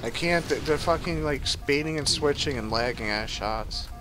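A man's voice: medium pitch, normal speed, background noise. A man casually commenting on his live gameplay stream, chatty and profane, answering his chat as he plays.

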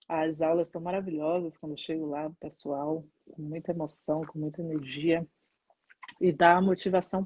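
A woman in her thirties from Salvador with a Bahian Brazilian accent, chatting casually as a dance teacher answering viewer questions, animated and stressing words by slowing down. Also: lowish voice, slightly rough, no echo, lo-fi sound. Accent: Bahian Brazilian Portuguese. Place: indoors, seated in front of a painted mural.

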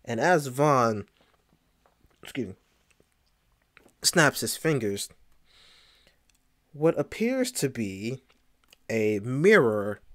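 A man narrating a tabletop role-playing game as game master, in a slow, deliberate way with pauses. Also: mid-range voice, big pitch swings, a bit bright.

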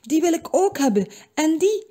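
A woman voicing a spoiled, demanding little girl princess in a read-aloud storybook, high and insistent. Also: sing-song, moderate pace, warm tone. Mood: impatient.

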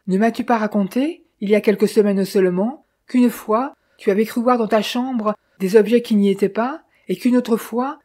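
A woman's voice: on the high side, mellow, close to an everyday voice. A woman voicing Austin, a stern man pressing his brother to confess, who talks in an insistent, questioning way.

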